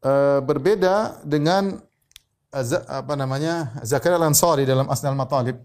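A man giving a religious lecture, repeating key phrases and reading Arabic quotations slowly. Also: mid-range voice, a little mellow. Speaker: Islamic preacher.

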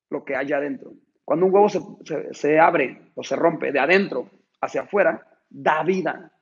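A man delivers a motivational talk to his team, hammering points home through repetition. His voice is fairly high for a man, creaky and husky. The recording is dull and lo-fi. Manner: emphatic, repetitive, deliberate. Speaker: motivational speaker addressing a team. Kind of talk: motivational talk with a told story.

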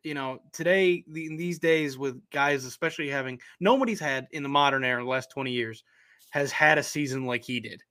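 A young man co-hosting a casual sports podcast, easygoing and opinionated, talking in quick bursts. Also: medium pitch, fairly even intonation, pushed and bright. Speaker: podcast co-host.

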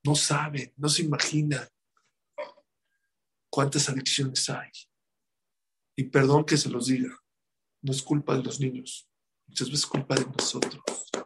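A man's voice: mid-range voice, level tone, a little slow, pauses often, background noise. A man giving a religious talk, telling stories and repeating words for emphasis. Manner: storytelling, acting out quotes, repeats words for emphasis. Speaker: religious speaker. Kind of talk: sermon.

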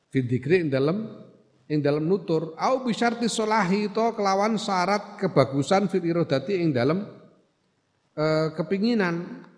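Man teaching in a reverberant hall. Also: fairly high pitch. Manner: reads Arabic text, glosses it in Javanese, then explains in Indonesian; checks in with listeners with short questions. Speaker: religious teacher. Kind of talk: classical text study lesson.

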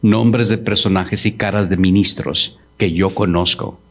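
A middle-aged man, a pastor giving a solemn testimony in a church, slowing down to quote words with emotion. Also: low-pitched, fairly even intonation. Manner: slow, solemn, quoting Jesus with emotion. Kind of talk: testimony sermon.

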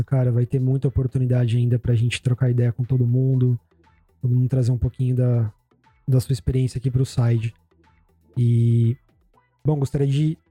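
Man, Brazilian Portuguese accent, deeply mellow, husky, casual podcast hosting, faint background music. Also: no echo. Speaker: podcast host.

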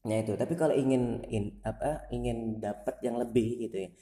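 Brief: male host, dark mellow voice, loose rambling delivery, roomy reverb. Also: medium pitch, brisk. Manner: relaxed and rambling, many fillers. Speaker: channel host. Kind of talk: casual talk. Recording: echoey room with long reverb.

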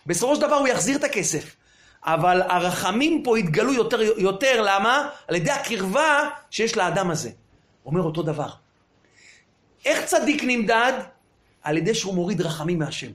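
Rabbi preaching a sermon, male with a high voice, builds parables through questions and voiced dialogue. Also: expressive, a bit bright, roomy sound. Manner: storytelling with parables and rhetorical questions; acts out dialogue in quoted voices. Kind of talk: Torah sermon.

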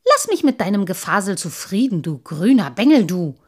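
A woman's voice: fairly low pitch, level tone, moderate pace. A woman voicing a tall, thin, stuffy man who is grumpy and scornful. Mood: angry. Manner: scolding, huffy, scornful.

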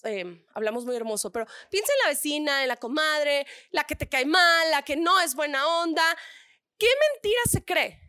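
A woman from northern Mexico with a northern Mexican accent, giving an expressive motivational talk and speaking straight to her audience. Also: sits high, dry recording, clean studio sound. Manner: expressive, acts out inner voices with shifts of tone; addresses audience directly with frequent asides.

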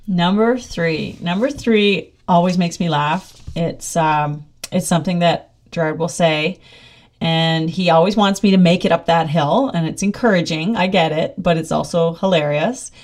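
A woman's voice: deep voice, a little mellow. A middle-aged woman talking casually in a monologue, upbeat and chatty, often laughing as she speaks.

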